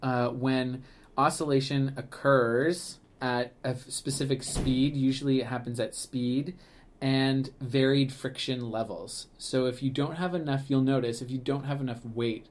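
A man co-hosting a podcast in Canada, who also works on museum staff, talks in a chatty, rambling way full of fillers, restarts and laughs. His mid-range voice is steady and unhurried.

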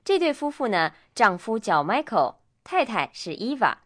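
A woman's voice: on the high side, very animated, moderate pace. A woman co-hosting a scripted radio English lesson, explaining in a chatty way. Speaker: language lesson co-host.

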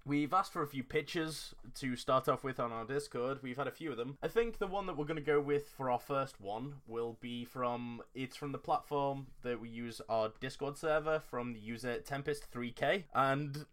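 A man's voice: medium pitch, normal speed, hardly any pauses, fairly bright tone. A man co-hosting a casual podcast about building tabletop characters, joking and laughing easily. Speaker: podcast co-host.

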